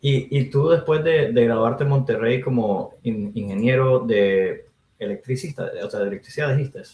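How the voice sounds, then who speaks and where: A man's voice: medium pitch, moderate pace, lo-fi sound, slight background noise. A man hosting a podcast, leading the interview in an upbeat, casual way with many fillers. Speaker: podcast host. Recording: roomy echo.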